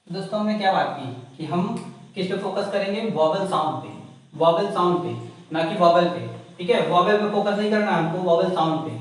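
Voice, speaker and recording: A man's voice: sits high, a little fast. A man teaching English grammar in a classroom lesson, repeating points and asking questions. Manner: repetitive, asks the class questions. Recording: echoey room, mic far off.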